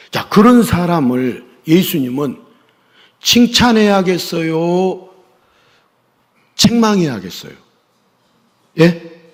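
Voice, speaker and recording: A man preaching in a church sanctuary, his voice on the higher side and lively in pitch. He keeps asking the congregation questions and demanding answers, rising loud one moment and dropping hushed the next. Long reverb trails after his words. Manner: call-and-response questioning of the congregation; emphatic, swings from loud to hushed. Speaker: pastor. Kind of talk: sermon.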